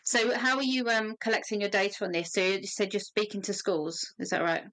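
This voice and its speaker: A woman's voice: medium pitch, steady tone, fairly quick, fairly bright tone, low-quality recording. A woman hosting a podcast interview, asking questions and affirming her guest's answers. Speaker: podcast host.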